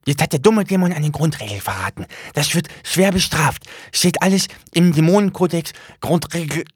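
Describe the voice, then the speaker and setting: A man's voice: fairly high pitch, lively intonation, normal speed, slightly rough, dry recording, studio quality, voice pushed up. Man doing a fussy little book demon. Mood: anxious. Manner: talks about himself in the third person; formal, anxious, rule-bound. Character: small furry male book demon, timid and fussy.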